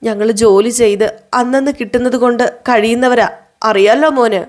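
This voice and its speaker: A woman's voice: a little high, steady tone, moderate pace, darkish tone, natural voice. A woman voicing a poor but proud middle-aged mother making an earnest, sorrowful appeal.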